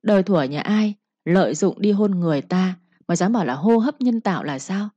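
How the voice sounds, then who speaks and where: A woman narrating a storybook in a steady, plain manner. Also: medium pitch, moderate pace, no room sound. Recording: dull, lo-fi, dry.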